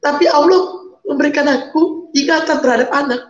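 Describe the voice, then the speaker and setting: Lady telling her story on a video call, emotional, keeps repeating herself, high voice, sounds dull and roomy. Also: fairly quick. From Medan, North Sumatra. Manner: emotional, pleading, repeats phrases. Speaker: guest. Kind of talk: emotional personal testimony.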